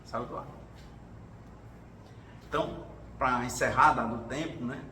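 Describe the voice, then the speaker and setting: A man speaking in a mid-range voice at a measured pace shares his life experiences during an informal talk at a spiritual gathering. He narrates conversationally and acts out quoted voices. The recording has a roomy, hall-like sound from a distant mic and faint noise.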